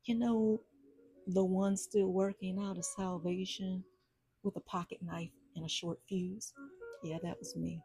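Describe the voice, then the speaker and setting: A woman hosting a podcast, telling a personal story in an animated, sassy way with churchy asides. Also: on the low side, a little slow, poor audio. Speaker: podcast host. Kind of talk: storytelling monologue. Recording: soft jazz music behind.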